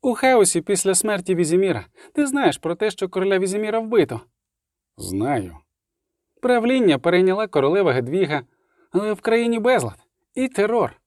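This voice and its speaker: A man voicing an excitable, talkative man who rushes through grim news. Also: high voice, no echo, studio quality, voice pushed up. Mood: agitated.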